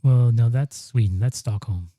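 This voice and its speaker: A man co-hosts a podcast in loose, rambling conversation, frequently restarting and saying um, on a broadcast dynamic studio mic. He speaks at normal speed in a mellow mid-range voice, with no room sound.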